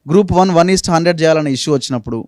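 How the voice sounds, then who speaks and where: Insistent fast man. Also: fairly high pitch, darkish tone, no room sound, studio quality. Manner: insistent, cuts in repeatedly, mixes in English. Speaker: job aspirant debating a spokesman. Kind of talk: heated televised debate.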